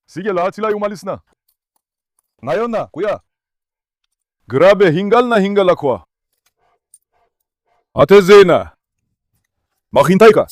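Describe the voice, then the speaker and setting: Male dog-owner vlogger with a high voice and a dry, close sound. He narrates casually, coaxing and scolding his dogs. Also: no echo. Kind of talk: casual vlog narration while handling dogs.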